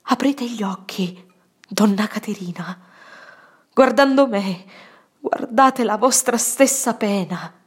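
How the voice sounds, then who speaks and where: A woman's voice: a little high, slow, husky, voice pushed up. A woman voicing a grief-stricken old male guardian. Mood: pleading. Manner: loud, impassioned pleading. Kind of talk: audiobook reading.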